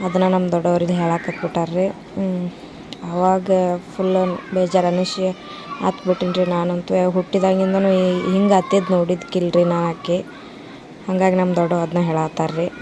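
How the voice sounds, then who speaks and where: A woman's voice: on the low side, completely flat delivery, normal speed. A mother with a North Karnataka Kannada accent, narrating her day in a casual voice-over. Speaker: vlogger and mother. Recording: noisy home recording.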